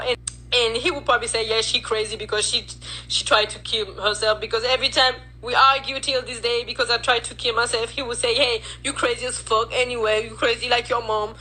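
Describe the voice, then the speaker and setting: A woman telling a painful personal story in a halting way, with many restarts and retold dialogue, speaking English as a with as her first. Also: fairly high pitch, pushed and bright, low-quality recording. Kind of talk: emotional personal account.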